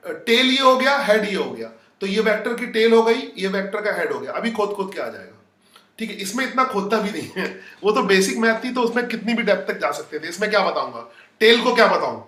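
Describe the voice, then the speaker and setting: A man's voice: high-pitched, fairly bright tone, roomy sound, far from the mic. A man teaching a physics lesson live. He talks to his students casually and breaks off to read their comments. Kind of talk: live online lecture.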